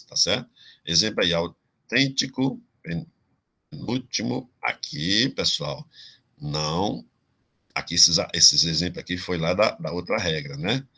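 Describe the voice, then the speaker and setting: Slow, bright-voiced teacher drilling rules. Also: male voice, sits low, slightly rough. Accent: Brazilian Portuguese, Ceará. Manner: drawn-out explanations with frequent "tá certo?" check-ins. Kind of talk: online exam-prep lesson.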